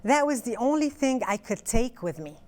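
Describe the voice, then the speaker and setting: This time the middle-aged Lebanese author, whose first language is French, sounds very animated in a slightly high, darkish voice at a moderate pace. Chatting casually in an interview, she hesitates, uses fillers, and restarts often.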